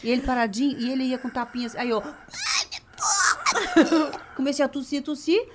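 Woman, 50s, Carioca accent, high voice, animated chatty storyteller. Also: fairly quick, heavy background noise. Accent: Carioca Brazilian Portuguese. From Rio de Janeiro suburbs, Brazil. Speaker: guest. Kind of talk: casual storytelling chat.

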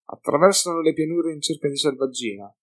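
A man's voice: a little high, animated, brisk, dry recording, pitched above the performer's own voice. A man reading an audiobook, voicing a refined young male nobleman who speaks in a polished, well-spoken way.

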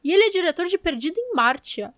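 High-pitched Brazilian woman, informal and opinionated. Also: very animated, fast talker, dry recording. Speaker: podcast co-host. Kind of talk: casual film discussion.

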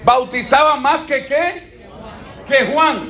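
A man's voice: very high voice, fairly even intonation, takes it slowly, sharp tone. A man preaching a sermon, quizzing his congregation with questions and repeating phrases. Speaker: pastor. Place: church sanctuary. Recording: echoey church room.

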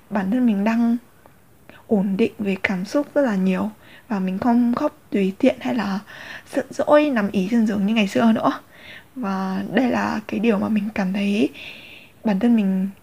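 A young woman vlogger rambles candidly in a casual confessional vlog, full of fillers and restarts. Her mid-range voice is mellow, with a breathy edge.

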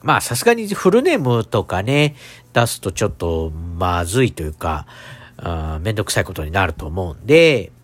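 Nasal, congested man with a lowish voice. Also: sing-song, normal speed. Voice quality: nasal, stuffed-up voice. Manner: hesitant, rambling, apologetic. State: congested nose. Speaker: podcast host. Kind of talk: casual solo talk.

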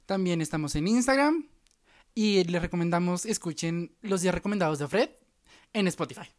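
A woman co-hosting a podcast, chatting casually in slangy, animated speech and laughing often. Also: lowish voice, moderate pace. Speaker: podcast co-host. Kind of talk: casual chat.

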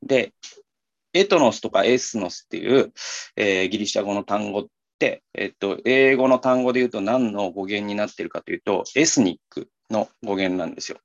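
A man's voice: fairly low pitch, normal speed, vocal fry, dull audio. A man hosting a talk, explaining at length in a casual, rambling way with many fillers and restarts. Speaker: talk show co-host.

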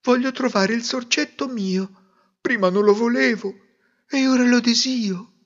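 A man's voice: extremely high pitch, measured pace, a bit bright, dull audio, pitched above the performer's own voice. A man voicing a young, lost princess who laments plaintively in a fairy tale. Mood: stubborn.

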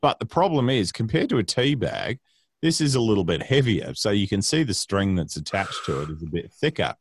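A man's voice: lowish voice, sing-song, a little fast, breathy edge. A man with a Queensland Australian accent, chatting casually in a droll, rambling way. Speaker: guest. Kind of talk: casual joking chat.

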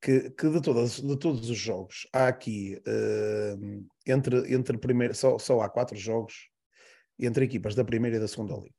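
A man with a Portuguese accent speaks on a football podcast panel. His voice is gravelly with a dark, mellow tone. He lists his points one by one, repeating and correcting himself as he goes. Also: medium pitch, moderate pace. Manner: repetitive, listing points, self-correcting. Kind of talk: casual podcast football analysis.

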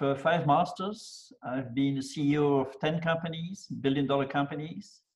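An older man, a business mentor guest speaking in a measured, methodical way. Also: mid-range voice, lo-fi sound. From Belgium. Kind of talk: casual interview talk.

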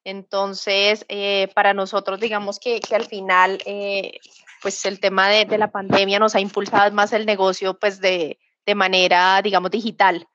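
A woman's voice: medium pitch, level tone, normal speed, fairly bright tone, no room sound. Colombian woman, 30s, bogota accent, lots of um and restarts, dry muffled lo-fi sound. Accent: Bogotá Colombian Spanish. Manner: hesitant, many fillers and restarts. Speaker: guest. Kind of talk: conversational interview. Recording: dull lo-fi remote audio.

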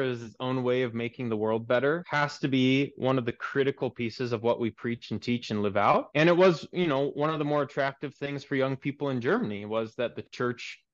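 A man's voice: mid-range voice, no room sound. A man in his twenties, a pastor guest on a podcast, speaking in an earnest, preacherly way over a remote call. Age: 20s. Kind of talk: podcast interview. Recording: dull, dry lo-fi sound.

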